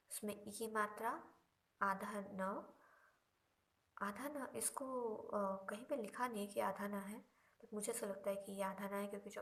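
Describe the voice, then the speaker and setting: A woman teaching a language lesson, explaining each example slowly and patiently, with drawn-out repetitions. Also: medium pitch, fairly bright tone. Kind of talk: Korean lesson explained in Hindi.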